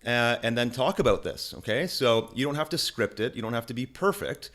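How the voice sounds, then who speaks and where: An online marketing instructor with a deep voice gives a casual screen-recorded tutorial into a desk microphone. He's brisk, energetic and chatty, restarting sentences and repeatedly asking "okay?"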